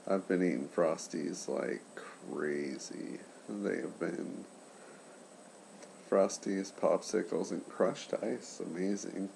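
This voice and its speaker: A man in his late twenties chatting casually in a subdued, halting way, with congested, slightly impaired speech after nose and throat surgery. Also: low voice, vocal fry, a little mellow, a little hiss or hum, poor audio. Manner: subdued, keeping voice down for a sleeper; halting, trailing pauses. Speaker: patient sharing surgery recovery. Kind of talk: casual vlog chat.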